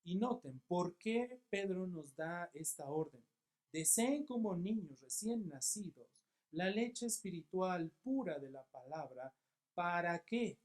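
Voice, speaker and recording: A man with a Mexican accent preaches a church sermon. He poses rhetorical questions and answers them himself. He drives points home through repetition, his volume swinging between loud and soft. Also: on the high side. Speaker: pastor.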